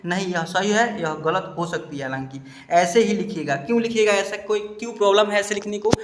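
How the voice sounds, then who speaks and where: A man teaching students to read English spellings, spelling each word out slowly and asking if they understood. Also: sits high. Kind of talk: explaining a lesson to students. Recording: echoey room.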